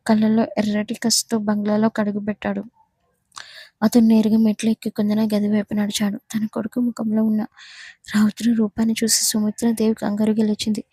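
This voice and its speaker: A woman narrating a romance story in a steady, measured manner. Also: mid-range voice, breathy edge, dry recording.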